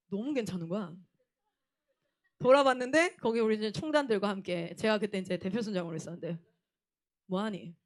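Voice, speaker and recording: Young female preacher, fairly high voice, earnest storytelling sermon with acted-out shouting. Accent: Gyeongsang dialect in places. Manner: acts out shouted scenes, then drops to a low earnest tone. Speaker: missionary preacher.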